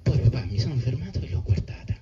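A man voicing a naive, eager young son who excitedly tells his father his adventures. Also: medium pitch, quick pace, natural voice. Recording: muffled with steady background noise.

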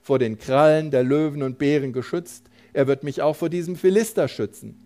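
A preacher reading an earnest young shepherd hero. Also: male voice, on the high side, moderate pace, dark tone, natural voice. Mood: resolute.

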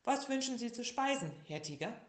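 A woman voicing a male frog doctor who speaks in a brisk, formal, emphatic way. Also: fairly high pitch, animated, echoey room, voice pushed up, natural voice.

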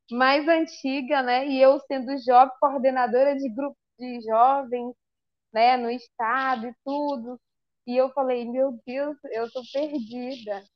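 A high-voiced Brazilian woman with a Brazilian Portuguese accent gives a personal religious testimony to a live group. She tells it as a lively storyteller who acts out quoted dialogue, and the recording is muffled with no room sound.

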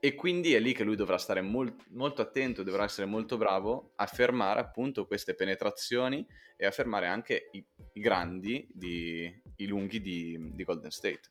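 Emphatic, lower-pitched man chatting sports. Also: moderate pace, few pauses, faint music behind. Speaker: sports podcast host. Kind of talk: casual basketball chat.

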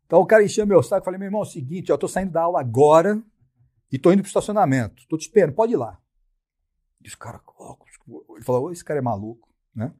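A man's voice: fairly high pitch, animated, very fast, warm tone. A middle-aged man with a Brazilian Portuguese accent, a podcast guest telling stories in a blunt, slangy way and acting out his own quoted lines. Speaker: podcast guest, sports science professor. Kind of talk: casual storytelling.

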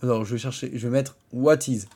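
A man's voice: medium pitch, steady tone, brisk, mellow, breathy edge. A man hosting a podcast, ranting in a crude, profane and sarcastic way, often stumbling into restarts. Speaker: podcast host.

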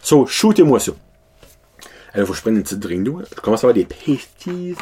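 A man in his thirties with a Québécois French accent vlogs to his followers in a loose, slangy way, dropping English words into his French. His voice is husky, and his pitch swings widely as he talks. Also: sing-song, fairly quick, warm tone. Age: 30s. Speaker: vlogger. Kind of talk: casual chat to followers.

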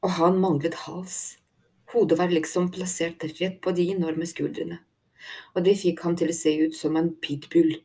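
A woman narrates a children's story in a steady, even reading voice. Her tone sits a little low and sounds dark and mellow, with a soft husky grain. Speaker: audiobook narrator. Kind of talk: scripted narration.

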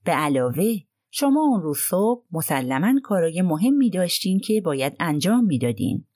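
A courteous male detective, read by a woman asks his questions gently, full of polite sympathy. The low, dry voice stays soft and tactful, an audiobook character close to the mic. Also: big pitch swings, no echo.

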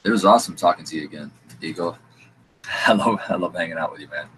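Low-voiced laid-back stoner guy, faint noise. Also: quick pace, a bit bright, rough recording. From Michigan. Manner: laid-back stoner drawl, says he is very high. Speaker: panel member on a livestream. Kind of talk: casual chat.

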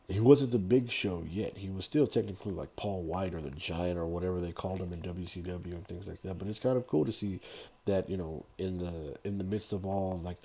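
Middle aged guy doing a podcast, real deep mellow voice, kinda rambly and halting movie chat. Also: slightly rough. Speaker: podcast host. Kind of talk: casual solo movie-review chat.

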